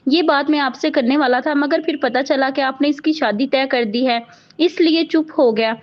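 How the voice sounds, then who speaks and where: A woman's voice: high voice, moderate pace, close to an everyday voice. A woman reading the lines of a proud, vengeful young doctor in a cold, biting tone. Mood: insistent. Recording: dull lo-fi audio.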